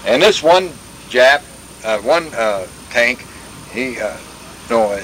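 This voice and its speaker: A man's voice: mid-range voice, lively intonation, slow pace, fairly bright tone, a little hiss or hum, low-quality recording. Folksy old man spinning war stories. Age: older. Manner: rambling, folksy, restarts and sound effects. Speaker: veteran interviewee. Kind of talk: oral history war reminiscence.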